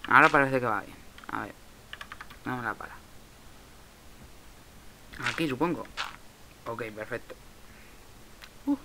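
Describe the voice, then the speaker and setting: Gravelly young Spaniard muttering through gameplay. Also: male voice, medium pitch, a little slow, long pauses, background noise. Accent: Spain Spanish. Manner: muttering to himself, swearing at lag. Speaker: Minecraft let's player. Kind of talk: casual gameplay commentary.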